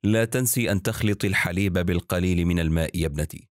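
A man's voice: low-pitched, fast talker, no echo, studio quality, lightly acted. A man voicing an irritable, stubborn mother who gives curt commands. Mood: instructing.

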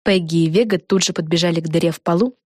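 A woman narrating a children's audiobook in an expressive storytelling voice. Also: fairly low pitch, fast talker, no echo, clean studio sound.

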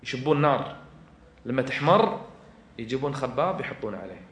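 A man preaching with a Kuwaiti accent, moving from quiet asides to loud, fervent exhortation. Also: medium pitch, big pitch swings, a little fast, a little hiss or hum. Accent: Kuwaiti Arabic. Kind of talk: religious lecture to an audience. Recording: echoey room.

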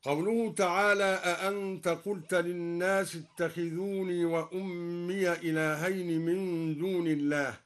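Egyptian male scholar, unhurried scholarly explanation, slightly high voice, chants the verses. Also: a bit bright. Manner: slow and measured, chanting the quoted verses. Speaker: Quran recitation teacher. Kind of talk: scholarly explanation of Quran readings. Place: radio studio.

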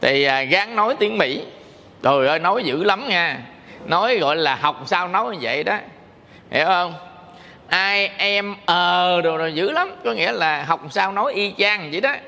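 Gravelly bright-voiced monk preaching. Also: male voice, high-pitched, big-room sound. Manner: conversational, asks the audience questions. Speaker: Buddhist monk teacher. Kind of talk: dharma talk.

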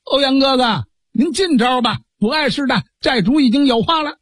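A man's voice: very high voice, moderate pace, a bit bright, dry recording, clean studio sound, voice pushed up. A male storyteller voicing a shrewd, genial sworn brother who coaxes his friend along. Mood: coaxing.

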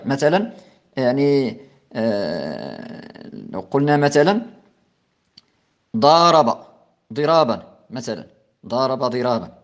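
A man giving a recorded lesson on Arabic word forms, explaining slowly with frequent repetition and restarts. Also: on the high side. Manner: slow, repetitive teaching with many restarts and fillers. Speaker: Islamic scholar teaching Arabic morphology.

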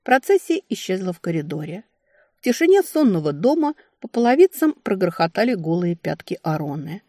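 A woman narrates a fantasy novel as an audiobook, telling it in a wry, expressive way. Her voice sits rather low, but her pitch moves a great deal. The close mic gives a dry, studio-clean sound. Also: fairly quick, no room sound.

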